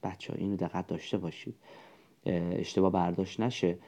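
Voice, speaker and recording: Male language teacher, low mellow voice, patient step-by-step explainer. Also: steady tone. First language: Persian. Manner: patient, explains step by step, lists words slowly. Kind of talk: spoken language lesson.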